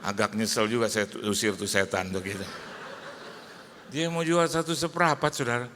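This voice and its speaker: A male pastor telling a humorous story in a sermon, acting out dialogue and shouting prayers. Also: mid-range voice, steady tone, moderate pace, in a large hall, noisy background.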